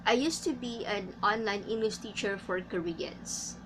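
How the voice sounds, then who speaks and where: A Filipino English teacher from the Philippines shares tips in a casual vlog, speaking slowly and carefully with lots of pauses and frequent "uh" fillers. Her voice is mid-range, with background noise present.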